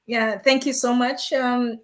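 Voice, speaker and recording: A woman's voice: fairly high pitch, little pitch movement, slow pace, fairly bright tone. A woman from Uganda, a guest in an interview, telling her story in a friendly way and laughing between phrases. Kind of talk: interview answers.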